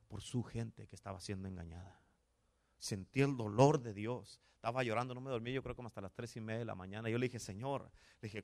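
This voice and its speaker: A man with a lowish voice preaches a sermon and retells a story, dropping to a hush and then surging upward on his exclamations.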